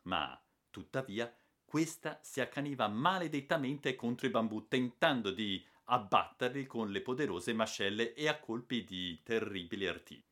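A man reading an adventure novel aloud as an expressive, dramatic audiobook narration. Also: medium pitch, moderate pace.

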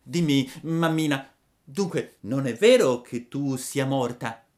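A man reading a storybook, voicing a mischievous wooden puppet boy in a high, loud, excitable voice. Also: slow pace, lightly acted. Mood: excited.

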